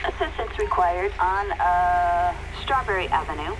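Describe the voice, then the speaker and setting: A woman voicing a calm police dispatcher, heard over a police radio and speaking in clipped dispatch calls. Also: fairly low pitch, unhurried. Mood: matter-of-fact. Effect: police radio transmission. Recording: game audio with loud noise.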